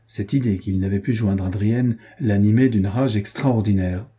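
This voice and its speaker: A man narrating a classic adventure novel in a measured, even reading voice. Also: on the low side, husky. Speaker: audiobook narrator.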